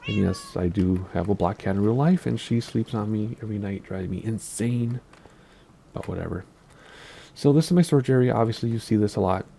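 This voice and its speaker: A man's voice: lowish voice, a little fast, vocal fry, mellow, a little hiss or hum. A man with a Minnesota accent giving casual gameplay commentary on a building tour, rambling along and asking himself questions aloud. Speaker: Minecraft YouTuber giving a base tour.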